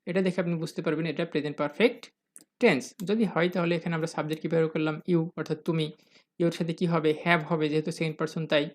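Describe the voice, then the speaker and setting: A patient English grammar teacher giving a recorded lesson. The teacher asks questions and answers them, addresses the viewers as learners, and reads example sentences slowly. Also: medium pitch, fairly even intonation.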